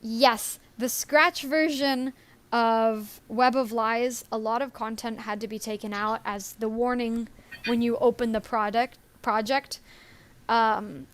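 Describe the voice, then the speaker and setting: Fairly high-pitched and fairly bright, this story creator's voice moves slowly with fairly even intonation as she co-hosts a relaxed live stream. She chats in a meandering way, sprinkling in ums and little laughs.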